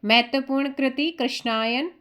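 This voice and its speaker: Woman coach, somewhat high pitch, drills answers by asking and repeating. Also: a bit bright. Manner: repeats answers with quick rhetorical checks. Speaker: exam coaching teacher. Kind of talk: quiz-answer lesson.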